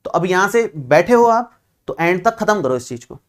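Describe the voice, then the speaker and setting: A male math teacher giving a classroom lecture, chatty and reassuring, teasing his students and repeating steps slowly. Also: high-pitched, sing-song.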